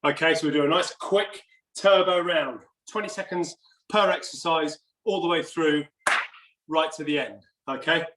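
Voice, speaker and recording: High-pitched male gym coach barking commands. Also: normal speed. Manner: energetic, exercising while talking. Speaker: fitness coach leading a workout class. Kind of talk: live HIIT workout instruction. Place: indoor home gym. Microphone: camera device a few steps away. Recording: roomy echo, distant mic.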